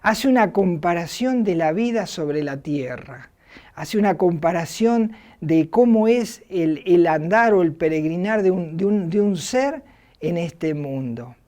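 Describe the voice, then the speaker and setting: A middle-aged Argentine woman preaching a sermon, speaking in a slow, reflective way and acting out the quotes she tells. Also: fairly low pitch, expressive, dark tone. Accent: Argentine Spanish.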